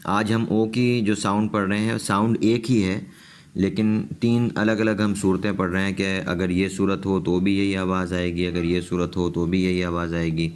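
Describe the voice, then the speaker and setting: Man, Pakistani Urdu accent, English pronunciation teacher, slow patient explanations, slightly low voice. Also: level tone. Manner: patient, repeats word lists slowly.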